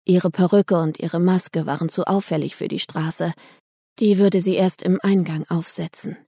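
A woman reading an audiobook aloud in a measured, calm, scripted narration. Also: lowish voice, husky, no room sound, studio quality. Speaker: audiobook reader.

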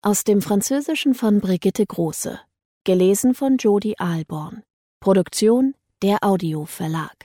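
A woman reading an audiobook aloud in a measured, calm, scripted narration. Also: mid-range voice, dry recording, clean studio sound. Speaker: audiobook reader.

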